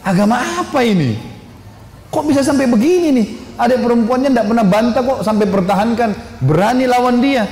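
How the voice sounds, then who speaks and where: Man doing a fierce blunt strongman, demanding, slightly high voice, booming hall reverb. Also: sing-song, fast. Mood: astonished. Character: fierce strong man turned zealous believer. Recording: echoey hall, faint noise.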